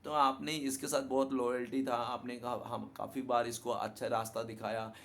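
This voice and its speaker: A man's voice: medium pitch, flat delivery, moderate pace, slight background noise. A man giving a casual tarot card reading to his viewers in a chatty way, often adding a tag question to check they follow. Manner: chatty, repeats "ठीक है ना" as a tag. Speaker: tarot reader.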